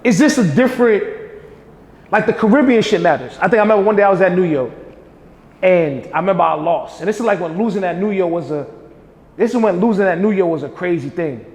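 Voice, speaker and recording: A man with a high, light voice chats casually as the host of a poetry podcast. He tells stories in a relaxed, slang-heavy way and laughs often. The room is echoey, with a long reverb tail behind him. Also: fast talker. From Jamaica. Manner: laid-back slangy storytelling, laughs often. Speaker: podcast host, spoken word poet. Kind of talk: casual conversation.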